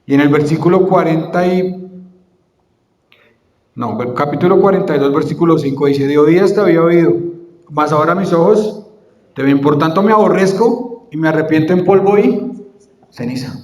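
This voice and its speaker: Un predicador que da un sermón, hace preguntas a la congregación y él mismo las contesta. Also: male voice, fairly high pitch, normal speed, long pauses, darkish tone, dull audio. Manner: asks the congregation questions and answers them himself. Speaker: preacher. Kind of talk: sermon. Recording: echoey church hall with long reverb.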